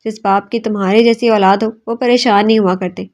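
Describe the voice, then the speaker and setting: A woman's voice: medium pitch, fairly even intonation, natural voice. Woman reading as a tender old father. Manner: soft, tender, advising. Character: gentle elderly father, wise and tender.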